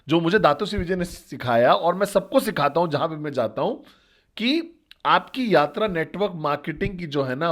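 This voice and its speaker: A man's voice: high voice, fairly bright tone. A man telling a story in a motivational talk as a network marketing trainer, speaking directly and asking the listeners questions.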